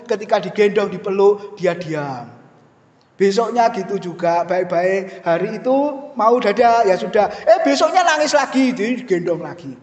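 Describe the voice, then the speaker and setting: A man, preaching a lively sermon and often turning to address the congregation. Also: high-pitched. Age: 50s. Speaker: pastor. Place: church hall. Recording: echoey hall.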